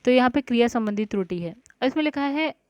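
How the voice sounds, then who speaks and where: Her voice is a little high and a little mellow, with lively intonation and a fast pace. Teaching exam-prep grammar, she talks through every answer out loud and frequently says "ठीक है" and "guys", captured in a dry, dull lo-fi recording with no room sound.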